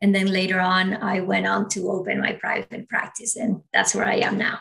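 A woman's voice: medium pitch, monotone, normal speed, creaky, a bit bright, rough recording. Woman, from Ecuador, native Spanish speaker, 40s, audiologist guest, earnest, explanatory. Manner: earnest, explanatory, with fillers and restarts. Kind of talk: interview.

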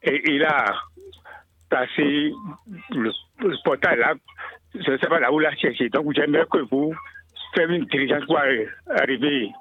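A man calling in to a radio show, talking haltingly with many fillers and repeated words. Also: on the high side, slightly rough, dry recording. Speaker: caller. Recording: tinny phone line.

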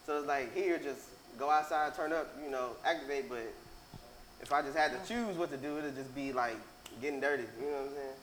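A man with a Southern accent talks in a loose, slangy way. His voice is bright and edged, and he doubles back on phrases to press them. There is some noise around him, as in a lively room. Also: mid-range voice, fairly quick, roomy sound, low-quality recording. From Mississippi, southern US. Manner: slangy, repeats phrases for emphasis. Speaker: guest on a talk show. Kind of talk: casual chat.

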